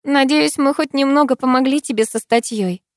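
A woman voicing a level-headed young female friend who talks in a brisk, matter-of-fact way, in an audiobook. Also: high-pitched, no room sound, clean studio sound, pitched above the performer's own voice, natural voice.

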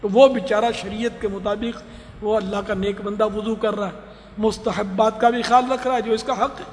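A man's voice: high-pitched, fairly even intonation, big-room sound, slight background noise. A man preaching a sermon, telling stories and acting out the voices of people pleading. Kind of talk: religious sermon.

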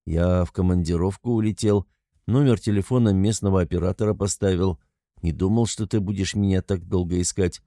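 A man's voice: low-pitched, steady tone, brisk, mellow, dry recording, clean studio sound. A man voicing a nervous, defensive young man who is someone's adult son, in an audiobook. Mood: flustered. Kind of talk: audiobook character voice.

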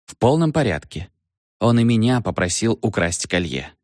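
A man reading as an impatient young woman, brisk and insistent, in an audiobook, with a low voice that swings widely in pitch. She presses her point firmly and keeps pushing it. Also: sing-song, darkish tone, dry recording, studio quality.

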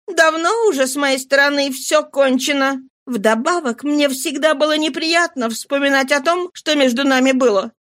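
A woman's voice: high-pitched, fairly bright tone, voice pushed up. A woman voicing a flighty, impatient young woman who scolds and exclaims.

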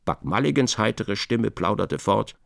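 A man giving measured, scripted literary narration for a radio drama. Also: on the low side, lively intonation, vocal fry, dry recording, studio quality. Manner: measured, descriptive reading.

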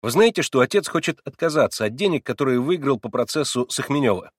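A man reading a novel aloud and voicing an excitable young man who pleads and defends himself in a raised, plaintive voice. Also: medium pitch, quick pace, slightly rough, no echo, studio quality, pitched above the performer's own voice. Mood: pleading, agitated. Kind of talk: audiobook character reading.

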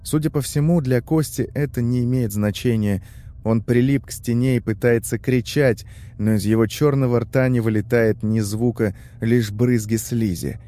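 A man narrating a first-person horror story in a tense, measured way. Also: medium pitch, fairly even intonation, warm tone.

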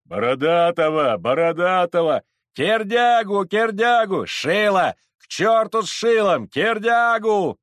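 A man voicing a rowdy, drunken crowd of male Cossacks, shouting roughly in a storybook reading. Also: high-pitched, sing-song, slow, few pauses, dry recording, clean studio sound, pitched above the performer's own voice, exaggerated voice. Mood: shouting angrily.

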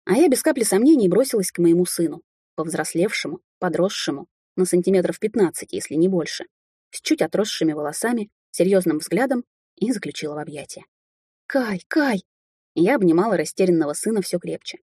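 Warm, husky woman narrating a story. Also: fairly low pitch, no echo, clean studio sound. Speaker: audiobook narrator. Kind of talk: first-person fantasy narration.

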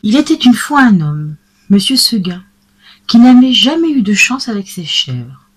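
A woman calmly narrating a classic tale in a measured storytelling manner. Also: fairly high pitch, slightly rough.

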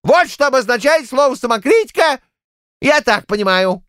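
A man voicing a quarrelsome old village man in a shrill falsetto, rambling and shouting in heated bursts. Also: lively intonation, normal speed, clean tone, no echo, clean studio sound. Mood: argumentative.

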